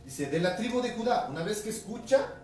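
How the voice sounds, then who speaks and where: Male Ecuadorian pastor, highland accent, conversational sermon, somewhat high voice, recorded off-mic in a reverberant hall. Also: animated, brisk, darkish tone. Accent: Ecuadorian highland Spanish. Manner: conversational preaching, reading scripture aloud, frequent tag questions. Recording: echoey room from a distance, music behind.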